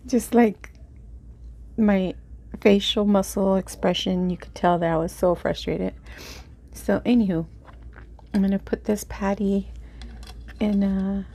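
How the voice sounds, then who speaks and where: A woman hosting an eat-with-me video, chatting casually in an unhurried, halting way as she thinks aloud. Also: medium pitch, vocal fry, mellow, husky. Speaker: mukbang video host. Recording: faint background noise.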